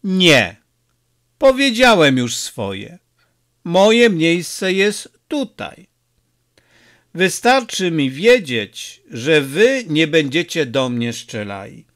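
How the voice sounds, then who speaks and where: A stubborn village priest, as a man voices him in a storybook reading, calm and immovable, with a teasing edge. The voice is fairly high and lively in its swings, and unhurried. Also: full character voice. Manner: calm, firm.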